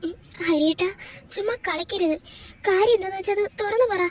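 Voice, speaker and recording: In a home-made doll drama, a performer voices a bewildered young wife who pleads in confusion and edges toward tears. The voice is extremely high-pitched and fairly quick.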